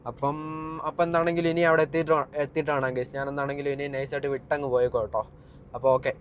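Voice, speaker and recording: A man's voice: medium pitch, little pitch movement, very fast, lo-fi sound, a little hiss or hum. A young Malayali man chatting casually to viewers in a driving vlog, mixing English words and slang into his speech. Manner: informal, repeatedly addressing viewers. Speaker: vlogger.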